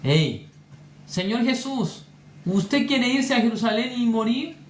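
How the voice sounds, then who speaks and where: A man's voice: lively intonation, slow pace, full character voice. A preacher putting on the voice of the apostle Peter, an anxious grown man coaxing his teacher to avoid danger. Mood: pleading. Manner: pleading, coaxing, slightly higher. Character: apostle Peter, eager worried adult man pleading. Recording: roomy echo.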